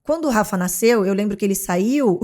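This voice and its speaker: A woman's voice: mid-range voice, a little fast. A Brazilian woman, a mother of three and a guest on an interview show, talking casually and acting out scenes as she tells stories. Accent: Brazilian Portuguese. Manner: animated storyteller, acts out scenes.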